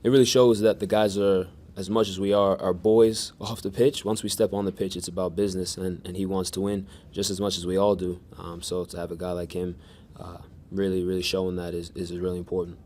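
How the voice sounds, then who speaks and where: A man answering questions at a press conference in a monotone, measured way with many restarts. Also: sits low, slight background noise. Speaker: soccer defender at press conference.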